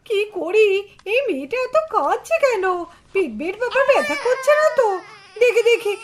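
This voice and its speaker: A fretful old grandmother from a puppet cartoon. Her voice sits very high and swoops in a lively sing-song as she frets and coaxes. A clear hiss of noise runs under it. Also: normal speed. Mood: fretting. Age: older. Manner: fretful and coaxing. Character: fussing old grandmother, mother-in-law. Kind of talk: Bengali puppet cartoon voice-over.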